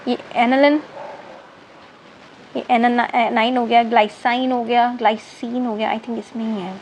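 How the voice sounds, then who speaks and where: Woman teacher spelling out terms, higher voice. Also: low-quality recording. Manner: spells out words letter by letter, counts aloud and repeats terms; mixes in English terms and checks in with "thik hai na". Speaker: chemistry teacher. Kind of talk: online class lecture. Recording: faint background noise.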